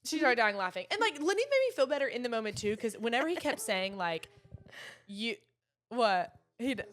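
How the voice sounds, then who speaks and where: A woman co-hosting a casual podcast, telling a story with lots of energy and frequent laughs. Her pitch sits a little high and swings widely as she talks. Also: a little fast. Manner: animated storytelling, laughing often. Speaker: podcast co-host. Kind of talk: casual chat.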